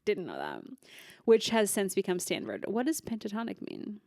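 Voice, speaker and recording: A woman's voice: medium pitch, wildly swooping pitch, normal speed, vocal fry, a little mellow, dry recording, studio quality. Chatty giggly woman podcast co-host. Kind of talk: casual chat.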